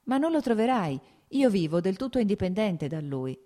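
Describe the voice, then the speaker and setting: A woman voicing a shy, gentle young man who speaks mildly and tactfully, in an audiobook. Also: mid-range voice, big pitch swings, normal speed, voice pushed up, lightly acted. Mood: reassuring. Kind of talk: audiobook character voice.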